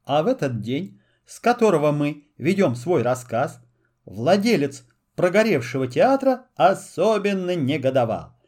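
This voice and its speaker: A man narrating a children's fairy tale in an expressive storytelling manner. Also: on the high side, measured pace. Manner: lively, storytelling.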